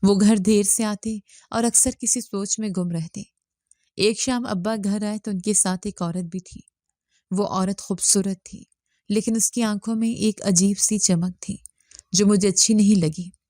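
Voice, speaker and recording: A woman narrating a dramatic moral story in a steady, scripted way. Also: mid-range voice, no echo, clean studio sound.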